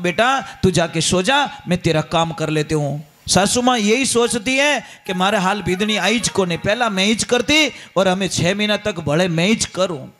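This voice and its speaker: High-voiced Rajasthani storyteller preacher man. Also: fairly bright tone. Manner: folksy, addresses listeners directly with questions. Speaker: religious storyteller.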